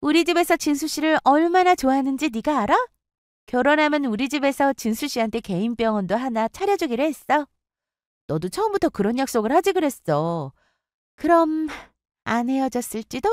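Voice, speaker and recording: A woman's voice: sits high, sing-song, moderate pace, no echo, studio quality, voice pushed up. A woman voicing a jealous, taunting young woman who gloats over stealing her friend's ex. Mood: gloating. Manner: smug, gloating and needling. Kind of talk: storytelling with acted dialogue.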